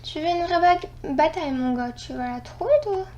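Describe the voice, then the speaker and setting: A woman hosting a gaming channel, chatting casually through her gameplay, excitable and rambling, often correcting herself. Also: high-pitched, a little fast, slight background noise.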